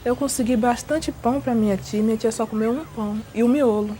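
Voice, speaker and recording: A woman's voice: on the high side, steady tone, brisk, dark tone, a little hiss or hum. A woman telling a story in an interview, acting out the voices of the people in it.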